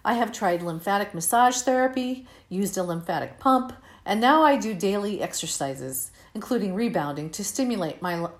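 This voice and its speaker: A woman in her fifties reading her own personal essay aloud in a candid, steady, measured way. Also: medium pitch. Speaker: narrator of her own story.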